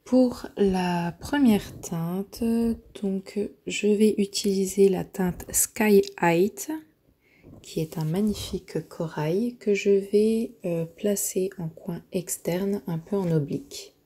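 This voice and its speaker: A woman narrating a makeup tutorial, hesitant and full of filler pauses, often dropping to a near-whisper while she works. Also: medium pitch, dark tone, slightly rough. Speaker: beauty vlogger.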